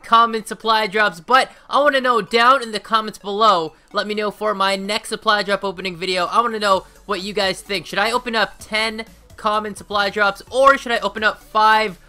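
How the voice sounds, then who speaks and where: A man hosting a gaming channel, talking through his loot openings with excitable, hyped commentary that builds up every unlock. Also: high voice, normal speed, few pauses. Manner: excitable, hypes up each unlock. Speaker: gaming YouTuber.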